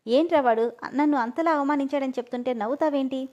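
A woman reading the lines of a hot-tempered, sharp-tongued young woman in a storybook reading. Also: sits high, fast talker, lo-fi sound, lightly acted. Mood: angry. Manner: indignant, snapping.

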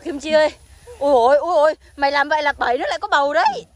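A woman vlogger in a comedy team, excitable, squealing and urging the others on in lively banter. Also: high-pitched, racing.

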